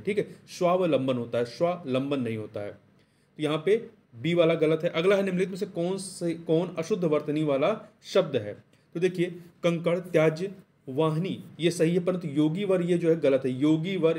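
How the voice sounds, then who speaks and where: Man with a higher voice, explaining repeatedly. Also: darkish tone. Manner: explains word by word, repeats key words and correct spellings; asks the listener quick questions, then answers them. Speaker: teacher. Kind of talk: exam answer walkthrough lesson.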